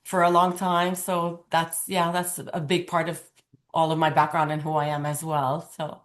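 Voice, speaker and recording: A woman from Lebanon whose first language is Arabic, speaking earnestly and warmly as an interview guest. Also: low-pitched, monotone, moderate pace. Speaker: guest, pageant titleholder. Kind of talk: casual interview conversation.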